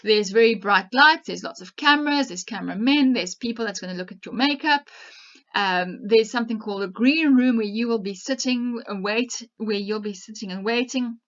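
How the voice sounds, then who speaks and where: A woman's voice: on the high side, normal speed, a bit bright. South African woman giving media training tips. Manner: direct, instructive, with fillers and laughs. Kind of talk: presentation talk. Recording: dull lo-fi presentation recording.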